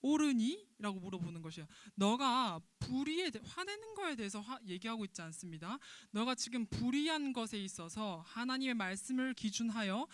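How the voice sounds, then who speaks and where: A Sunday school teacher gives a children's sermon, telling the story in a lively, expressive manner. Her voice is bright and crisp, and the recording is dry and close, with no room sound. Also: a little high, fairly quick, hardly any pauses, no echo.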